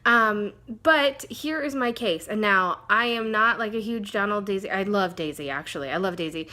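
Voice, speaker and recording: A woman's voice: mid-range voice, normal speed, bright, forceful tone. A woman vlogger talking casually to camera in a chatty, rambling way that often goes off on side tracks.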